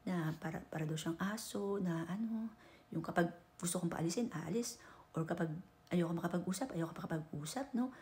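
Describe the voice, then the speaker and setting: Mellow-voiced Filipino woman giving advice. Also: fairly low pitch, a little fast. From Philippines. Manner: mixes Tagalog and English, frequent "no?" and "di ba?" tags. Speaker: vlogger giving relationship advice. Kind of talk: casual advice chat.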